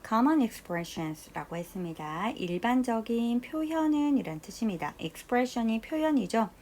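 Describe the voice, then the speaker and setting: A woman teaching an English reading lesson for a college entrance exam, reading English sentences slowly and explaining them briskly. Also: fairly high pitch, expressive, a little mellow. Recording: faint background noise.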